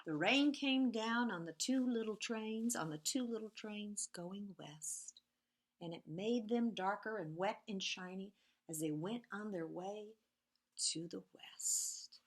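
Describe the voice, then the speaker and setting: A woman with a mid-range voice reads picture books aloud to small children, animated and sing-song, pausing now and then to point things out. At times she drops to a hush, whispering repeated sound words.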